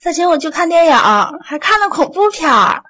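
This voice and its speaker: A man's voice: very high-pitched, fairly quick, bright, forceful tone, voice pushed up. A man putting on a coy young wife's voice. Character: coy young wife, teasing.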